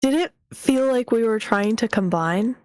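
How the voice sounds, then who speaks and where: A woman's voice: fairly high pitch, moderate pace, a little mellow, dry recording, studio quality. A woman playing a tabletop role-playing game, chatting casually and speaking for her character.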